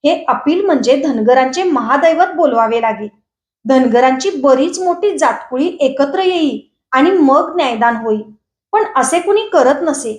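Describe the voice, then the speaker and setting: An audiobook reader, a woman with a fairly high voice, reads a novel aloud at a steady, measured pace. Her voice echoes around the room.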